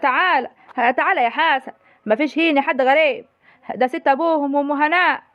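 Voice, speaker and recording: A woman's voice: high-pitched, a little fast, dry recording, lo-fi sound, lightly acted. A woman playing a wailing rural mother. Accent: rural Egyptian. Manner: wailing, lamenting, melodramatic. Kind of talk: comic village sketch.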